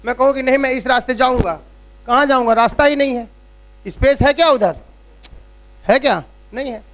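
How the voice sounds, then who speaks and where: A man's voice: extremely high pitch, brisk, a bit bright. A man teaching physics as a classroom lecture at a board, explaining step by step and checking in with rhetorical questions. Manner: uses everyday analogies.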